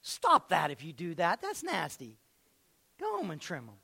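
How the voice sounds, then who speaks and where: A man's voice: a little high, huge pitch swings, moderate pace, creaky, bright, forceful tone, slightly rough. A man preaching a sermon as pastor in a church, emphatic and repeating phrases, with joking asides. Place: church sanctuary.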